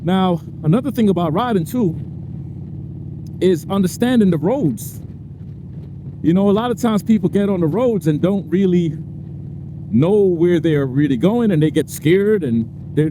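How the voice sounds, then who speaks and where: A man chatting casually to viewers while riding his motorcycle, laughing often and stretching out his stresses. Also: fairly high pitch. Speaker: motorcycle vlogger. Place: on a motorcycle in traffic outdoors. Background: faint traffic and wind noise.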